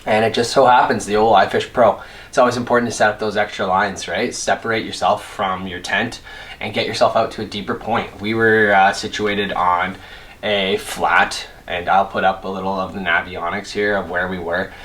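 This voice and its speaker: Young male fishing vlogger, deep voice, laid-back and chatty to camera. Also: normal speed. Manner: relaxed, chatty, self-deprecating. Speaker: fishing channel host. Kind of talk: casual direct-to-camera intro.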